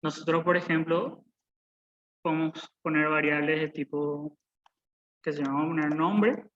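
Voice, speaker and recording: A man's voice: a little high, steady tone, measured pace, a bit bright, highs cut off, a little hiss or hum. A young man in his twenties teaching a live online programming class, patient and repetitive, often checking in with his students. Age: 20s. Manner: patient, repeats points, checks in with "¿verdad?". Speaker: programming instructor. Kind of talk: live online coding lesson. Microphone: video call.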